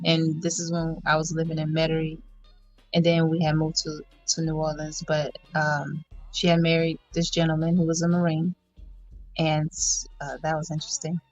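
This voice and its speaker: A woman in her thirties from Houston, a podcast guest speaking in a measured, thoughtful way with many fillers. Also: sits low, level tone, no echo, faint music behind. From Houston, Texas, US. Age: 30s. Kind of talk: casual podcast interview. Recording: dull lo-fi recording.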